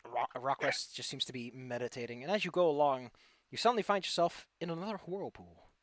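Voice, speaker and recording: A man's voice: medium pitch, lively intonation, a little fast, no echo, studio quality. A man narrating casually as game master of a tabletop game, with a playful, teasing manner.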